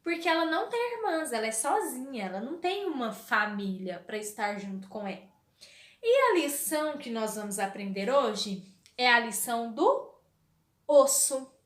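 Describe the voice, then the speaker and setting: A woman teaching a recorded spelling lesson to young children, talking slowly in a sing-song way and asking questions she answers herself. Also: fairly high pitch, big pitch swings, a bit bright. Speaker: primary school teacher. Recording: echoey room, voice off-mic.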